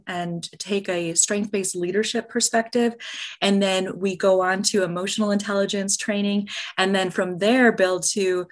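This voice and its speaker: A middle-aged woman with an American accent, a medical educator speaking as a guest in a podcast interview, explaining in an earnest, enthusiastic way. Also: mid-range voice.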